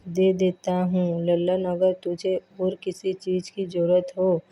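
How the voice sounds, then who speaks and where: A woman doing a soothing fatherly moneylender, low and slow. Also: monotone, mellow. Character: kindly older moneylender man.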